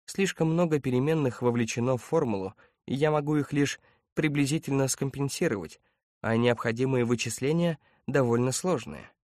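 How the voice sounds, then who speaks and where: A man doing a calm, precise android. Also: medium pitch, no echo, studio quality, close to an everyday voice. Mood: clinical calm. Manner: measured, exact, clinical.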